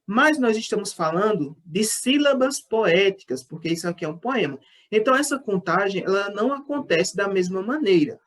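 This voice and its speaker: A woman's voice: medium pitch, animated, normal speed, few pauses. A woman teacher with a Brazilian Portuguese accent, patiently explaining a lesson and counting syllables aloud. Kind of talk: online class lesson.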